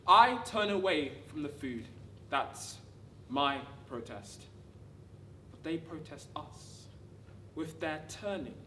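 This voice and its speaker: Slow, deliberate woman reading, distant and echoey. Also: deep voice, animated, pushed and bright. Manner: measured, dramatic delivery with deliberate pauses. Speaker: actor reading a monologue. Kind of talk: rehearsed dramatic reading of wartime letters. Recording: distant, echoey room with background noise.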